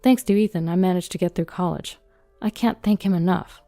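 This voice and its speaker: A woman's voice: lowish voice, steady tone, brisk, mellow, soft background music, lightly acted. A woman voicing an earnest, loyal young groom who turns stern when upset, in a storybook reading.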